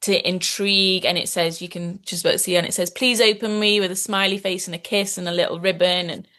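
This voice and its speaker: A woman's voice: fairly low pitch, little pitch movement, fast talker, bright, forceful tone. A woman with a Scouse accent, a guest in a podcast interview, explaining at length in an earnest way with frequent restarts. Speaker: guest, activist and author.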